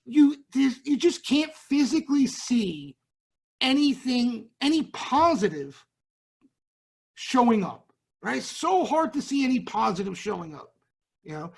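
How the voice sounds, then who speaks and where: A man with a Brooklyn accent hosting a trading show, talking casually and bluntly to viewers and often checking in with "right?". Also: very high voice. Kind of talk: casual market talk to viewers.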